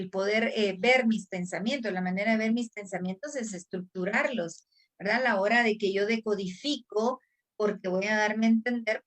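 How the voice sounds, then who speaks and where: A woman hosting a conversation on mental health, explaining ideas and acting out a harsh inner critic in quick asides. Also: medium pitch.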